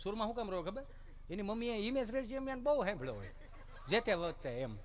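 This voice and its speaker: A man's voice: high-pitched, quick pace. A middle-aged man, telling a folk comedy monologue and mimicking mothers and children. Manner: animated, mimics mothers and children with put-on voices. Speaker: stand-up storyteller.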